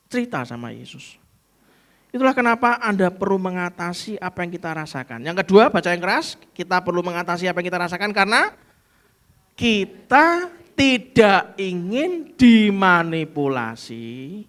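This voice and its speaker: A man's voice: high voice, a bit bright. A man with a Central Javanese accent preaching a sermon to a congregation, asking them questions and slipping into mock-angry outbursts. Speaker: pastor. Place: church.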